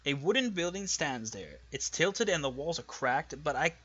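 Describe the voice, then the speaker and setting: A man's voice: on the high side, very animated, normal speed, a bit bright, slightly rough, highs cut off. A man reading a visual novel's narration aloud in a casual read-along, sometimes stumbling over words and teasing his partner.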